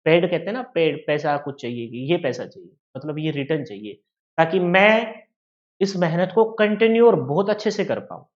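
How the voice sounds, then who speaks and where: A man's voice: on the high side, expressive, moderate pace, highs cut off. A man with a Haryanvi-tinged Hindi accent teaching an exam-prep maths lesson, explaining with everyday shop scenarios and asking his students questions.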